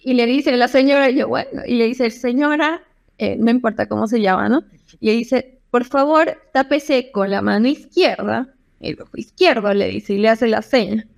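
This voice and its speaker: A woman's voice: on the high side, moderate pace, creaky, darkish tone. A woman from Bolivia, an eye doctor, telling clinic anecdotes in a casual interview, full of fillers and acted-out quotes. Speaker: ophthalmologist guest.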